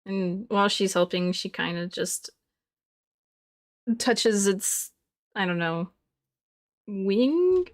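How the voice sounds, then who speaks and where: A woman playing a tabletop game, soft-spoken and unhurried. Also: medium pitch, expressive, no room sound, studio quality. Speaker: player.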